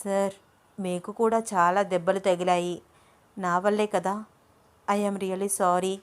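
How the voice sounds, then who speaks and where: A woman's voice: medium pitch, little pitch movement, slow pace, clean tone, close to an everyday voice. A woman voicing a touchy young student girl. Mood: gentle. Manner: indignant, accusing. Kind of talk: audio story character voice.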